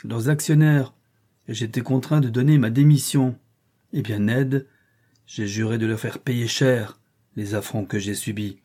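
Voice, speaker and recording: A man's voice: medium pitch, warm tone, natural voice. A man reading as a bitter, vengeful ex-partner. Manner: haughty, resentful. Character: vengeful male former business partner, bitter and haughty. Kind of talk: audiobook reading.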